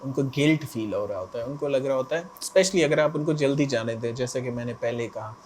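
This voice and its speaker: A man's voice: medium pitch, brisk, a little mellow, a little hiss or hum. A man giving relationship advice straight to his viewers, emphatic and often checking in with short asides. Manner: emphatic, repeats "theek hai" as a check-in. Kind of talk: direct-to-camera advice talk.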